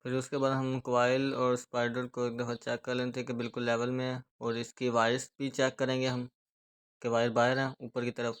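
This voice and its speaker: A man's voice: medium pitch, clean tone. A man with a Pakistani Urdu accent giving a hands-on speaker repair tutorial, explaining each step steadily as he works. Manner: steady, repetitive explaining while working with hands.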